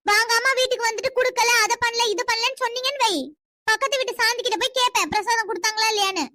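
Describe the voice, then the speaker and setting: A very high, piercing cartoon mother, as a performer puts her on, fussing and nagging her daughters, repeating every instruction. Her voice is bright and brisk, and the recording is dry and close. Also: fairly even intonation, no room sound. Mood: scolding. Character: bossy fussing older mother. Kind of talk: cartoon voice acting.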